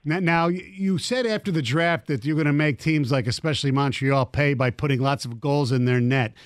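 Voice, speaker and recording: A male radio co-host with a somewhat high voice asks a caller about his life. He starts in halting bits and restates his questions. His mic sounds close and dry. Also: dry recording. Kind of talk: radio interview.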